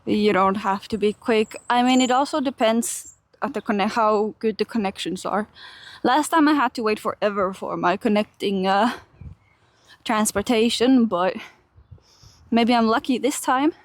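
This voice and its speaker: A woman's voice: on the high side, a little slow, no room sound. A young woman from Finland, chatting casually to her live-stream viewers while walking outdoors. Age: young adult. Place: outdoors in a park and transit stations.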